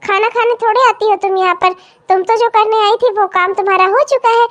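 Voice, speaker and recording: A woman voicing a jealous, sharp-tongued young daughter-in-law in a cartoon comedy, sarcastic and complaining with a falsely sweet edge. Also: very high voice, fairly even intonation, fairly quick, dull audio.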